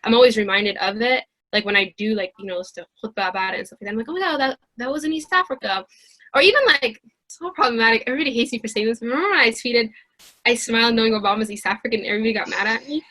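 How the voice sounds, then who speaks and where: A woman's voice: on the high side, racing. A woman in her twenties co-hosting a casual podcast, talking candidly and animatedly with lots of "like". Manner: animated, candid, heavy on filler "like". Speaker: podcast co-host.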